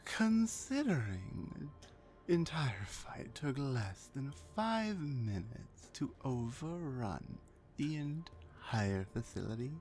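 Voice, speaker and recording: Voicing a dominant orc warrior woman for an ASMR roleplay, a woman delivers a slow, dramatic, boastful monologue in a darkish, heavily acted tone. She mocks and threatens with wide pitch swings, speaking deliberately and frequently sinking into breathy whispers, with music in the background.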